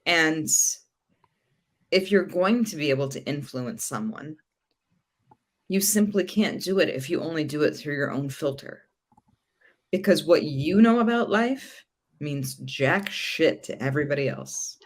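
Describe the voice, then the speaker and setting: A woman's voice: low-pitched, lively intonation, measured pace. A woman hosting a podcast, asking curious questions and reflecting frankly in casual chat. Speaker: podcast host.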